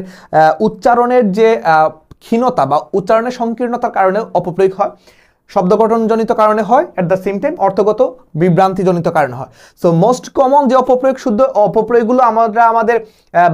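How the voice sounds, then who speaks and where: A man's voice: sits high, darkish tone. A young man from Bangladesh giving an exam-prep lecture, explaining step by step and dropping English words in. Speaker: admission test tutor.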